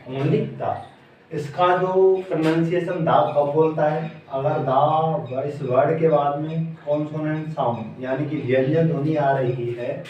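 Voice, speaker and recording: Male pronunciation teacher, fairly high voice, drills by asking and answering his own questions, recorded far off in an echoey room. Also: highs cut off, a little hiss or hum. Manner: repeats questions and answers them drill-style. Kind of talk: online classroom lesson. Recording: echoey room, mic at a distance.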